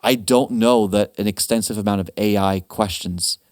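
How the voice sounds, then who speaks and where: A man hosting a retirement planning webinar, talking casually with animated asides and quick restarts. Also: on the low side, dry recording, studio quality. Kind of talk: casual advice talk.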